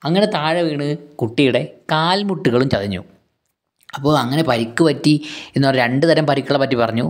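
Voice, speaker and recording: A man's voice: medium pitch, animated, brisk. A man teaching a school poem in a casual lesson. He talks patiently, going back over points and asking questions to answer himself.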